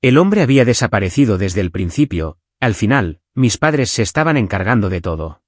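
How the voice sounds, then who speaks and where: Lively male storyteller, dry close sound. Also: fairly low pitch, moderate pace, no echo. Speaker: narrator. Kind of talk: scripted first-person story narration.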